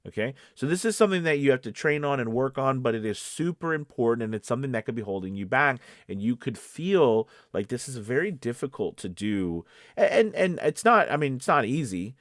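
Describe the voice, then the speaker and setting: Brisk and lively, this man speaks at medium pitch with hardly any pauses, recorded cleanly in a studio with no echo. As a voice-over coach and casting pro, he gives casual advice straight to camera and keeps repeating points for emphasis.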